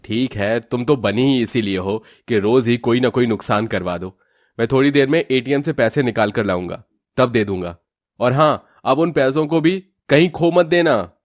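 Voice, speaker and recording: A man's voice: mid-range voice, moderate pace, no room sound, clean studio sound, natural voice. A man voicing an irritated young husband who scolds his wife in exasperation. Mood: exasperated.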